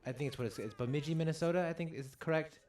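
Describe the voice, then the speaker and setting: A man's voice: fairly high pitch, racing, darkish tone, faint music behind. A man co-hosting a video game let's play, chatting casually with lots of fillers and restarts. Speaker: co-host playing a video game.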